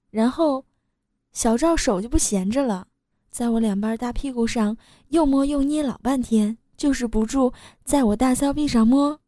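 A woman's voice: a little high, mellow, no room sound, clean studio sound. A woman reading a first-person story aloud, in an earthy, matter-of-fact way. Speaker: story reader. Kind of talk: scripted first-person narration.

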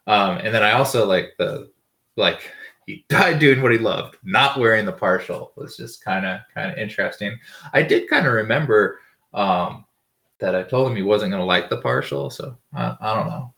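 A man's voice: fairly low pitch, sharp tone. A man, a dentist hosting his own podcast, telling work stories in a rambling, profane, dry way. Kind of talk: casual solo podcast chat.

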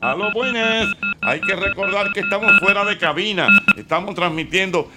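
Dominican radio host over loud music. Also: male voice, high-pitched, normal speed. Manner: playful, reading out comments. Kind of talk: casual radio chat. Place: outdoor broadcast by the waterfront.

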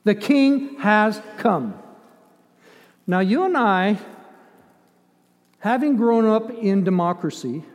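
An older man raised in Ethiopia preaches a sermon in a high, expressive voice, speaking slowly and pausing often. His delivery is emphatic but conversational, full of dramatized asides and rhetorical questions. A long hall reverb surrounds the recording.

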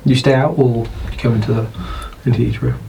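A man with a British accent, narrating as dungeon master in an unhurried, descriptive way. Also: medium pitch, fairly even intonation, creaky, mellow, a little hiss or hum, rough recording. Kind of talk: narrating a tabletop game.

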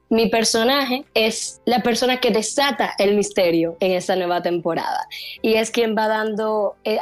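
A young adult woman from the Dominican Republic with a neutral Latin American Spanish accent, speaking as an actress guest in an interview in an earnest, animated way. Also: medium pitch, no room sound. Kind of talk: casual interview talk.

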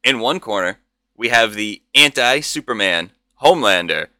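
A man hosts a podcast in the manner of a circus ringmaster. His voice is bright and forceful, with theatrical, scripted announcing. The sound is dry and close. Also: on the low side, lively intonation, moderate pace, no echo. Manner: ringmaster-style showman announcing. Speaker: podcast host.

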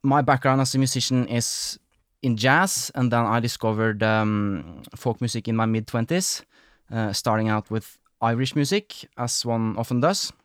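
Man from Norway, podcast host, clear voice, dry recording, lots of ums. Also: mid-range voice, moderate pace, few pauses, no room sound. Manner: rambling, apologetic, many fillers. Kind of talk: casual interview chat.

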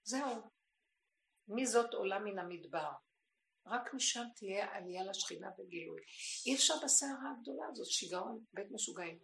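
A woman giving an impassioned religious teaching, swinging from hushed, intimate tones to crying out. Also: medium pitch, animated, gravelly, slight background noise. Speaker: spiritual teacher. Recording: echoey room recording.

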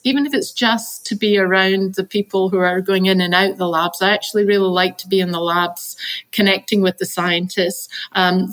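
A woman's voice: medium pitch, poor audio. A Scottish woman from Glasgow, a chief science officer, talking through her career in a reflective interview with frequent fillers and restarts. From Scotland. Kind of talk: podcast interview.

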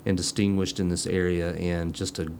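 A man's voice: low-pitched, level tone, normal speed, gravelly, darkish tone, slight background noise. A man hosting a casual chat show, joking and rambling with fillers. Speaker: host.

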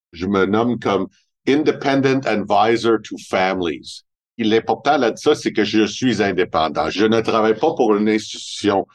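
A man in his sixties with a Montreal French accent, a guest explaining his work in an interview, sometimes correcting himself mid-sentence. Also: fairly low pitch. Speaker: guest family advisor. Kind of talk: interview answers.

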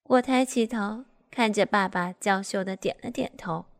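A woman narrating a first-person story in a steady, even manner. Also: medium pitch, normal speed, in a large hall.

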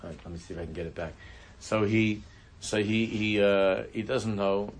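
Low-voiced man teaching a Torah class. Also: steady tone, slight background noise. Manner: halting, restarting narration. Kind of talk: religious class with storytelling.

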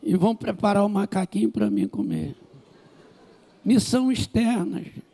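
A man with a Brazilian Portuguese accent, a pastor telling a story in a sermon with animated comic asides. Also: high-pitched, normal speed, slightly rough.

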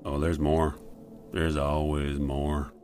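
A man playing a world-weary, middle-aged motel keeper who fights demons, gruff, folksy and terse, in a horror-comedy audio drama. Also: a bass voice, monotone, slow pace. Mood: weary, grim. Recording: clear background ambience noise.

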